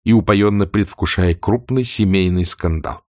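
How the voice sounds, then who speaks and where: A man reading a novel aloud as an audiobook narrator, with measured, expressive delivery. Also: low voice, no echo, studio quality.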